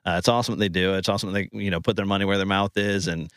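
A man's voice: low-pitched, fairly even intonation, rapid-fire, clean tone, no room sound, studio quality. A man hosting a podcast, recorded inside a closet, chatting casually and repeating words as he thinks. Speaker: podcast host.

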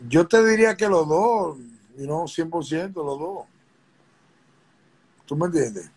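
A man's voice: fairly high pitch, expressive, measured pace, a little mellow, husky, rough recording. A middle-aged man, chatting casually as a guest artist in an interview, laid-back and streetwise, often checking that he is understood. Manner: laid-back, streetwise, keeps asking "¿tú me entiendes?".

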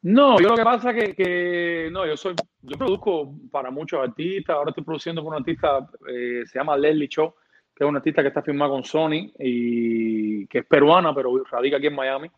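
Speaking fairly quickly in a fairly high voice, a man who works as a music producer chats casually during an interview. He tends to ramble, repeating words and starting over often, and the audio has a dull, lo-fi quality.

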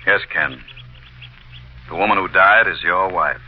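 An actor playing a firm, grave police inspector in a 1940s radio drama. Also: male voice, deep voice, unhurried. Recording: dull old radio recording with music.

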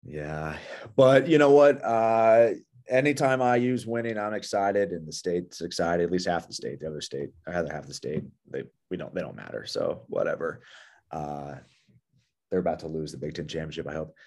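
A man co-hosting a sports podcast, chatting casually with dry quips and excitable fan cheering. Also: low voice, normal speed. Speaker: podcast co-host.

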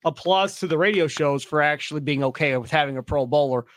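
A man's voice: fairly high pitch, quick pace, dry recording, studio quality. A man from Milwaukee, co-hosting a bowling podcast in a casual, opinionated way and acting out quotes. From Milwaukee, USA. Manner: animated, opinionated, acts out quotes. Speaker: podcast co-host. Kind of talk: casual chat.

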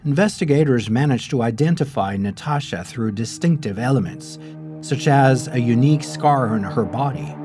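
A man giving scripted narration of a true-crime story in a measured, dramatic storytelling manner. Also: medium pitch, lively intonation. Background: faint background music.

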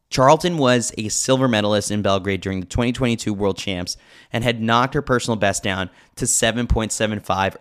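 A podcast host with a clear, resonant, medium-pitched voice reads a scripted sports newsletter, his manner lightly wry and joking.

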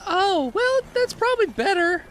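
A man voicing a pair of sugary female innkeepers in a high sing-song falsetto. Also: sing-song, moderate pace, a bit bright, full character voice.

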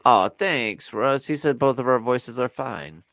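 A man co-hosting a podcast chats casually, rambling with plenty of fillers and restarts. His medium-pitched voice is animated, unhurried and a bit bright, with no echo.

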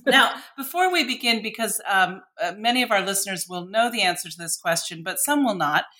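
A woman's voice: medium pitch, expressive, a little fast, pushed and bright. A woman hosting a podcast interview, reading formal introductions and asking long questions. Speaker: podcast host.

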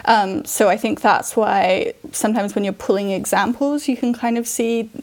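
A female writer is a guest on a podcast. Her voice sits at a middle pitch. She thinks aloud and reflects as she answers, padding her points with casual fillers. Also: steady tone, moderate pace. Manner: thoughtful, filler-heavy, laughs easily. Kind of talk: interview answers.

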